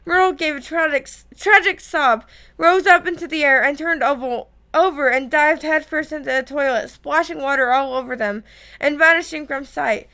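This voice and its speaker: Bright-voiced woman reading aloud. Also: high voice, moderate pace. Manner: casual, frequent slips and self-corrections. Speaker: reader.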